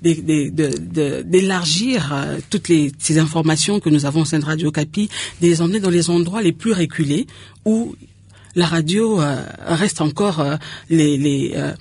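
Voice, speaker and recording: A woman's voice: low-pitched, moderate pace, darkish tone, husky. A woman, explaining and repeating words in a conversational radio interview. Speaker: radio community liaison officer.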